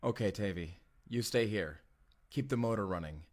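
A man with a lowish, darkish voice close to everyday speech talks at normal speed, playing an urgent, determined time traveler in an audio roleplay drama. Earnest and intense, he plans urgently and is protective of his partner.

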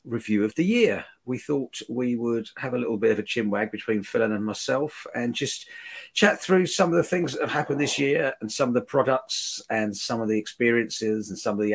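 A man's voice: mid-range voice, vocal fry. A British man hosting a podcast in casual chat, droll and mock-stoic while under the weather with a cold. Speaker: podcast host.

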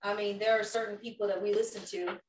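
A fast-talking woman of medium pitch and little pitch movement preaches emphatically at an informal youth group talk, putting questions to the small group around a table indoors. It's picked up by a distant mic in a roomy space with faint background noise.

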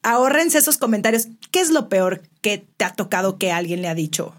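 A woman's voice: medium pitch, big pitch swings, brisk. Lady host, chatty, laughs a lot, asks stuff. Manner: laughs easily, asks questions. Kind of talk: interview chat.

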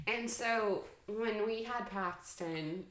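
A woman's voice: mid-range voice, slow, a bit bright. A woman co-hosting a podcast in a casual, chatty way, laughing often between her phrases. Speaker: podcast co-host and brand founder. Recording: echoey room.

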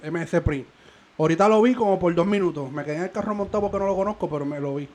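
A man co-hosts a loose podcast and keeps things crude and joking. His voice sits high for a man, and he breaks into laughter often. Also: quick pace, a little mellow. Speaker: podcast co-host. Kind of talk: casual banter.

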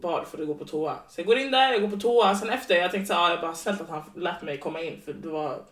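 A young woman co-hosting a podcast, telling a story animatedly and switching between Swedish and English. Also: lowish voice. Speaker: podcast co-host. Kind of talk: casual storytelling chat. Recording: roomy, distant mic.

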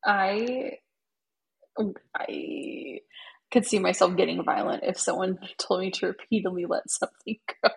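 Husky, gravelly woman ranting casually. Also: medium pitch, unhurried, poor audio. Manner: excitable, self-aware exasperation. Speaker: podcast co-host.

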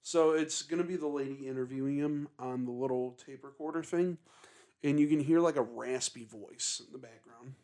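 A man's voice: mid-range voice, moderate pace, mellow. A young man co-hosting a casual paranormal podcast, reading notes aloud with lots of fillers and restarts. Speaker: podcast co-host. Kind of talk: casual chat.

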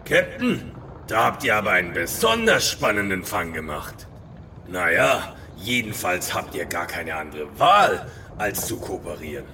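A haughty pirate captain, an old-school villain who is easily offended. The delivery is theatrical and very animated, with a sharp, forceful tone. There is slight noise in the recording of this audio drama. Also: male voice, low-pitched, measured pace, exaggerated voice. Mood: smug, mocking. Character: pompous villainous male pirate captain, a vain ghost.

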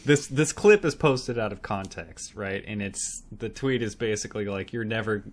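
A man's voice: fairly low pitch, normal speed. A man co-hosting a casual movie review podcast, swearing, laughing and acting out scenes. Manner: animated, laughing, profane, acts out scenes. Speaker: podcast co-host.

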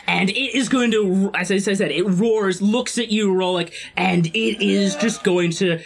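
Unhurried woman game master. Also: medium pitch, gravelly. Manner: slow descriptive narration with casual joking. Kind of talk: narrating a tabletop game.

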